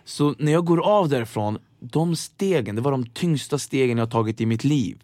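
A young man telling lively stories in casual chat, acting out the people in them. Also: medium pitch, dry recording, clean studio sound. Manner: animated, acts out voices in his anecdotes. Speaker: guest.

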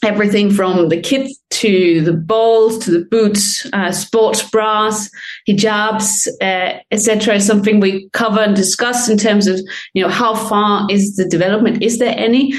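A woman's voice: medium pitch, fairly even intonation, moderate pace. Woman explaining with many fillers. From Denmark. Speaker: sports medicine lecturer, guest. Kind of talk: conversational interview answers.

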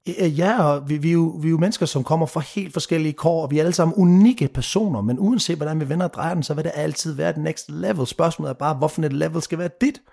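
Passionate swearing Danish-speaking man, fairly high voice. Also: gravelly, few pauses, warm tone. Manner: passionate, emphatic, swears freely, mixes in English phrases. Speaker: mentor and guest. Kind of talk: casual podcast conversation.

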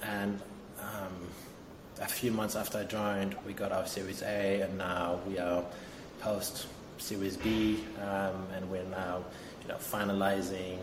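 A man's voice: low voice, measured pace. A man from Denmark, a guest in a casual interview, who often hesitates with ums and restarts. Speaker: guest, tech executive. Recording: echoey room with steady noise.

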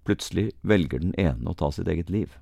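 A male podcast host narrating a scripted episode with a deep, gravelly voice. His pitch rises and falls a great deal as he tells the story with a lively, wry touch, recorded dry in a studio. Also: dry recording.

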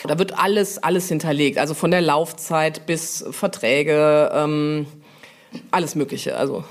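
A brand manager being interviewed on a podcast chats casually about her work, often adding little tag questions to check for agreement. Her voice is deep, with fairly even intonation and a measured pace.

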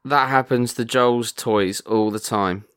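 A man co-hosting a podcast in casual chat, wry and quick to exclaim, often stammering as he restarts. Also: medium pitch, steady tone, a bit bright, smooth, no echo, studio quality. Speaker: podcast co-host.

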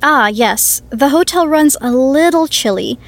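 An actress playing a polite, attentive inn hostess giving a room tour. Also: female voice, sits high, animated, measured pace. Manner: courteous, descriptive tour-guide tone.

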